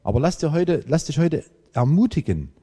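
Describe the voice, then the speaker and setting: A man preaching a sermon, emphatic and lively, with dramatic pauses. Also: a little high, breathy edge. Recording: long hall reverb.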